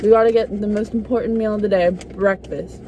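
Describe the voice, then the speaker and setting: A woman's voice: medium pitch, steady tone, a little fast, dark tone. A young woman chatting upbeat to her phone camera on a road trip, in a car and outdoors. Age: young adult. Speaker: vlogger. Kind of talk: casual travel vlog narration. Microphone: phone held at arm's length. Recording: noisy car and street background.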